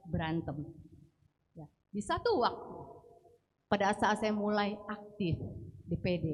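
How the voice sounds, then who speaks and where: A woman telling a personal faith testimony, earnest and storytelling, moving between soft and lively passages. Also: on the high side. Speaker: testimony speaker at prayer meeting.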